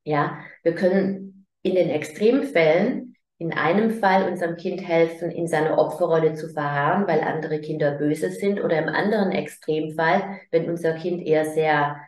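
A middle-aged woman, a spiritual coach, giving a calm spoken talk in a gentle, soothing manner that often softens into quiet phrases spoken to a child. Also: low-pitched, moderate pace, hardly any pauses, echoey room. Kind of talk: calm spoken teaching monologue.

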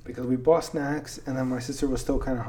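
A young man telling a long story on a podcast in a loose, easygoing way. He keeps slipping "dude" and "like" into his sentences. His voice sits at an ordinary middle pitch. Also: steady tone, fast, mellow. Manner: laid-back, peppers speech with "dude" and "like". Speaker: podcast host. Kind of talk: casual storytelling chat.

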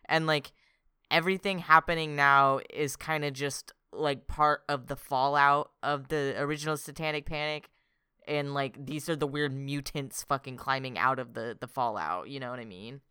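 Young male podcast co-host, smooth crisp voice, dry close sound, rambling and swearing. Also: mid-range voice, steady tone, moderate pace, sharp tone, no room sound. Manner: rambling, swears casually, lots of "like". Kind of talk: casual chat.

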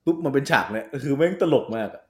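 ชายหัวเราะง่าย เล่าหนังอย่างออกรส. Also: male voice, medium pitch, fast. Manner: laughing, animated retelling of movie scenes. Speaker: podcast co-host. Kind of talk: casual film chat.

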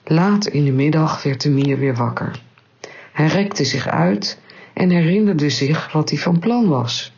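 A woman reading a children's story aloud in a calm, measured way. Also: low-pitched, husky, lo-fi sound.

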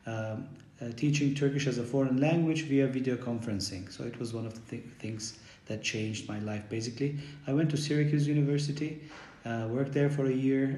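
A middle-aged man from Bulgaria, a university professor, answering podcast questions in a hesitant way with many pauses and fillers. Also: mid-range voice, warm tone, roomy sound. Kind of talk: podcast interview.

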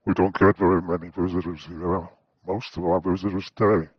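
An actor playing a sinister, menacingly hospitable asylum gatekeeper with a husky voice in an audio drama, in dull, dry sound. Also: male voice, sits low, fairly even intonation, normal speed, very noisy, lightly acted. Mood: menacing welcome.

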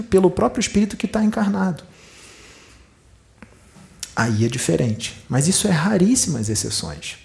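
A man's voice: mid-range voice, gravelly, warm tone. A man from Brazil with a Rio de Janeiro accent giving a channeled spiritual teaching, preaching emphatically with many rhetorical questions. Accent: Rio de Janeiro Portuguese. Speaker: spiritual medium.

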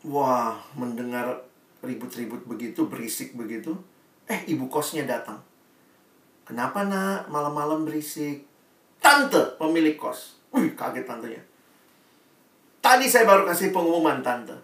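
A man preaching a lively sermon who acts out the characters in his illustrations with big swings of voice. His sound is roomy and echoey, as if he is a little way off the mic in a church hall. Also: mid-range voice, normal speed, far from the mic. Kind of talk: sermon with storytelling.

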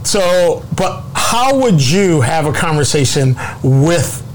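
A man's voice: on the high side, sing-song, slow pace, poor audio. A man interviewing conversationally, attentive, with murmured acknowledgements. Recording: faint background noise.

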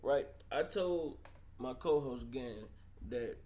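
A man's voice: mid-range voice, slow pace, warm tone, reverberant. A man hosting a casual group debate with blunt, slangy, opinionated ribbing. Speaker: show host. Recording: faint background noise.

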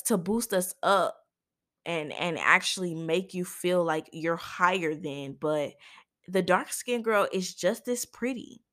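Young female host, lowish pitch, emphatic personal monologue that circles back on its points. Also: a bit bright. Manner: impassioned, emphatic, repeats and restarts phrases. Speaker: podcast host.

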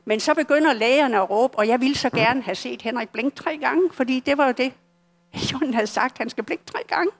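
An older woman with a Danish accent telling her personal story at a church service, earnest and halting, often restarting her sentences. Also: high-pitched. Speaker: church testimony speaker.

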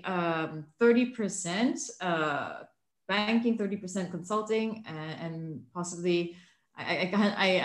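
Woman from malaysia, 30s, lowish voice, talks slow and thoughtful with lots of ums, roomy echo. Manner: thoughtful, measured, many fillers. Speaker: guest, author. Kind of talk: remote interview.

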